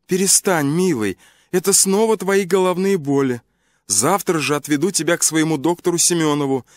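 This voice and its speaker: Male narrator doing a soft-spoken young woman, tender and worried, pitched well above his own voice, audiobook. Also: normal speed, dry recording, lightly acted. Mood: soothing. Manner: soft, pleading, rising to frightened cries. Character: anxious young woman, gentle and loving.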